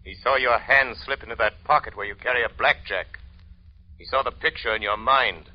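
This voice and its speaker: An actor playing an uncanny, cold and commanding mind-reading crime fighter, with deliberate, theatrical American delivery in an old radio drama style. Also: male voice, medium pitch, close to an everyday voice. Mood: accusing, menacing. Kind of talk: 1940s radio drama acting. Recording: muffled, noisy old-time radio recording.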